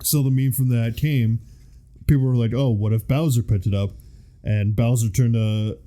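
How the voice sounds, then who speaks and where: Mellow and steady at a medium pitch, this man in his thirties co-hosts a podcast at a normal speed. He tells rambling, casual stories and leans heavily on filler words.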